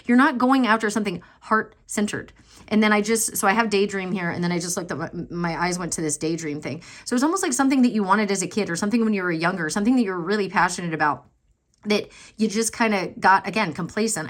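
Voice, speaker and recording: A woman's voice: fairly low pitch, a bit bright. A woman giving a channeled tarot reading at home, rambling and chatty with many fillers, apologizing and laughing nervously. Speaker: tarot card reader. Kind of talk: channeled pick-a-card reading.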